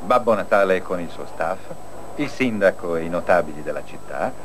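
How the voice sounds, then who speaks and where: A man narrating a children's cartoon tale as an expressive storyteller. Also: low voice, moderate pace. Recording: old noisy film soundtrack.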